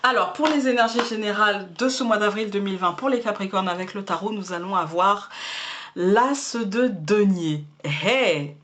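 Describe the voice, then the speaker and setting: A woman's voice: medium pitch, fast, hardly any pauses, bright, forceful tone. A woman hosting her own channel, giving a casual monthly tarot reading to camera in a chatty way, often repeating words as she searches for the next one. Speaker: tarot reader and channel host.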